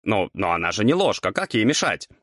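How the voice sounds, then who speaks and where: A man's voice: on the low side, very animated, brisk, a bit bright, no echo, studio quality. A man voicing a lazy, cheeky male imp who grumbles and bickers. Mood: grumbling. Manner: grumbling, sulky.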